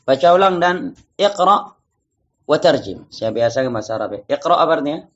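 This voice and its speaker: A male teacher leading a class, reading phrases slowly and explaining them casually. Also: on the high side, lively intonation, lo-fi sound. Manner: drills phrases slowly, students repeat. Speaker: Arabic teacher. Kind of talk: classroom lesson.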